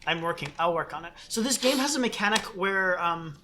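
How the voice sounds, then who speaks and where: A woman's voice: on the low side, animated, brisk, background noise. A woman giving casual video game commentary, explaining how it works as she plays. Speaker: let's play host playing the game.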